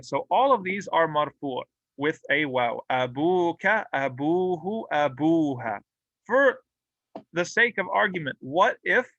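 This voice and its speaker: A man's voice: high-pitched, creaky, sharp tone, no room sound, muffled recording. A man teaching a classroom grammar lesson, explaining patiently and drilling example words aloud with light humor. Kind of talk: classroom lecture. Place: mosque classroom.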